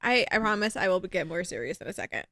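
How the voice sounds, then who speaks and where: A woman's voice: fairly low pitch, very animated, quick pace, a bit bright, no room sound. Rambling woman podcaster, dry close sound. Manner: rambling, filler-heavy, self-deprecating. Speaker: podcast co-host. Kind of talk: casual chat.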